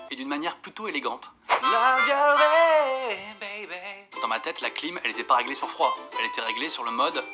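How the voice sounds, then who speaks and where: A man's voice: medium pitch, poor audio. Wry young man with music behind. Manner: wry, self-mocking. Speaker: comedian. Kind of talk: scripted comic monologue.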